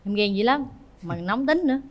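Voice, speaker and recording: A woman's voice: mid-range voice, expressive, fairly quick. A young woman from Trà Vinh, a dating show contestant, speaking hesitantly with many fillers and nerves. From Trà Vinh, Vietnam.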